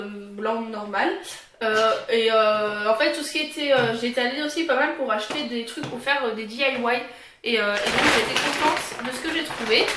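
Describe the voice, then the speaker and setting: A woman vlogger casually showing and describing her purchases in a chatty way, her speech slightly impeded by a new tongue piercing. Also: a little high. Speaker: vlogger presenting a shopping haul. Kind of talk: casual chatty product show-and-tell. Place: indoors, in a bedroom. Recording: echoey room with faint background noise.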